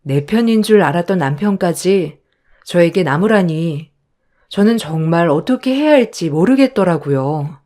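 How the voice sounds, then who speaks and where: A woman's voice: fairly low pitch, expressive, moderate pace, warm tone. A woman narrating a first-person family story in a confiding way.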